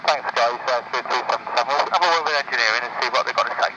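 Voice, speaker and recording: An airline pilot calls the tower over the radio, his words coming very quickly and clipped. He keeps to brisk, matter-of-fact phrasing. A thick wash of radio static sits under the whole transmission. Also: mid-range voice. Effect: pilot speaking over the radio. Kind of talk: radio exchange with the control tower.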